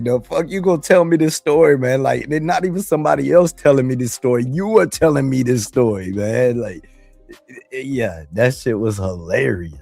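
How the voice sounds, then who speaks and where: Gravelly low-voiced dude, laid-back, telling a story, dry close sound, faint music. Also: male voice, a little mellow, no echo. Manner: laid-back storyteller, says "bro" a lot. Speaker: guest. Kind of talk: casual chat.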